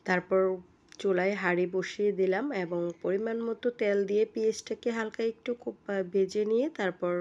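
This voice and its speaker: Hoarse female cooking host with a cold, easygoing recipe voice-over, middle pitch. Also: a little mellow, dull audio. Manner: step-by-step, chatty instructions.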